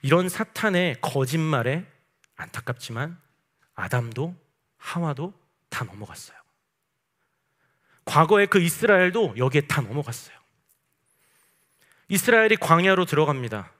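Male pastor, sermon, emphatic, rhetorical questions, animated and somewhat high voice. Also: measured pace, long pauses. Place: church service at night.

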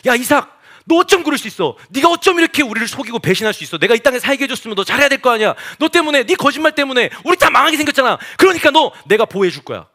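A man's voice: extremely high pitch, big pitch swings, very fast, pushed and bright, voice pushed up, exaggerated voice. A man playing an angry, scolding ancient king. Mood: indignant scolding. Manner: indignant, scolding.

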